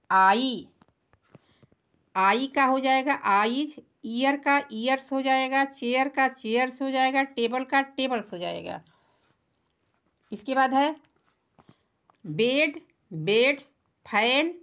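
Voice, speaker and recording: A woman with a high, slightly bright voice teaches children English singular and plural words. She patiently spells each one out letter by letter in this vocabulary lesson for kids.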